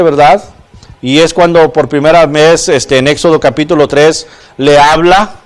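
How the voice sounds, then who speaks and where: A man preaching a sermon, often putting questions to the congregation and adding "¿verdad?". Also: fairly high pitch. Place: church.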